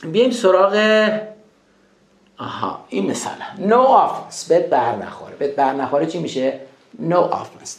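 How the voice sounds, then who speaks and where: Gravelly man teaching English. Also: a little high, roomy sound. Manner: chatty, addresses students as kids, repeats English phrases slowly. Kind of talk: recorded screen-share grammar lesson.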